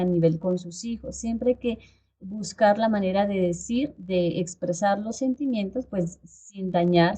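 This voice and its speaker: Instructor, female, warm low-toned delivery, explanatory video-call lecture with frequent check-ins. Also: lo-fi sound.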